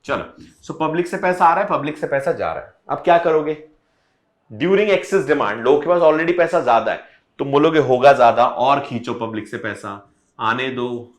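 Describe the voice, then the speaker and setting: A male economics teacher giving an online exam-prep lecture, explaining step by step and switching between Hindi and English mid-sentence. He talks straight to his students and repeats key points to make them stick. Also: fairly high pitch.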